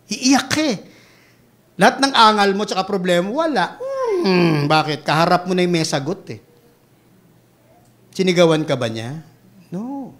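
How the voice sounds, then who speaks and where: A Filipino man preaching a sermon with big swings between loud exclamations and hushed asides. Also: sits high, animated, unhurried, long pauses. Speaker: pastor.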